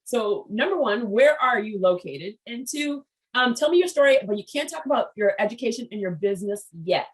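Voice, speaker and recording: A woman hosting a casual business interview, telling stories with lively acted-out quotes. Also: on the high side, fairly quick, few pauses, low-quality recording. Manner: animated storyteller, acts out quotes. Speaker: podcast host.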